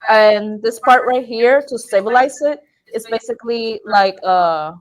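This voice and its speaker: A woman's voice: fairly high pitch, unhurried, rough recording. A woman chatting casually as a prop maker on a panel, explaining things in an informal, rambling way. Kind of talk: casual chat.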